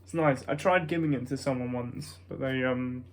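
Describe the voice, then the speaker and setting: A man's voice: mid-range voice, normal speed, a little hiss or hum. A young British man with a nasal voice rambles casually to his vlog viewers, hesitant and self-conscious, often breaking off mid-thought. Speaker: vlogger.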